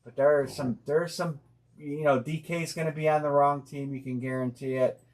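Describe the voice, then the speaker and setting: A man hosting a live sports card break stream, talking casually and thinking out loud with plenty of fillers and restarts. He speaks bluntly and uses slang. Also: a little high, steady tone, normal speed. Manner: rambling, thinking aloud with many fillers and restarts.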